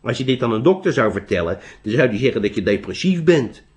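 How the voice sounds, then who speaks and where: A man's voice: medium pitch, very animated, fast talker, natural voice. A man voicing a polite, unsure young wandering monk who answers hesitantly. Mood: earnest.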